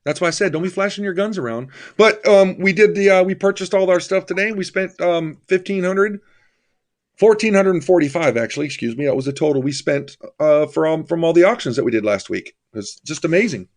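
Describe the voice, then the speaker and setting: A man's voice: on the high side, brisk. A man hosting a livestream, chatting casually in a folksy, familiar way with his viewers. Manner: folksy, familiar, addresses viewers as buddy and brother. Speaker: livestream host.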